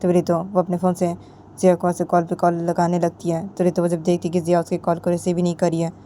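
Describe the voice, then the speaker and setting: Low, mellow-voiced woman telling a story. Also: monotone, fast talker, slight background noise. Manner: repetitive, plain storytelling. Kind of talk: casual story narration.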